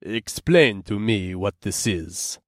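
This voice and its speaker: An actor playing a large, disapproving orc bartender with a gruff, hissing voice, slow and stern. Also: male voice, on the low side, animated, no room sound, studio quality, voice pushed down.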